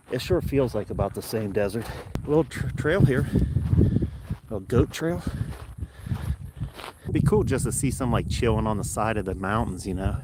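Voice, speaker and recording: A man out of breath, talking in a rambling, excitable way as he films himself hiking alone through the desert on his phone. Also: mid-range voice, slight background noise. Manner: rambling, filler-heavy, excitable. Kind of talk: casual vlog talk. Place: outdoors in a hot desert. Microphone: phone camera.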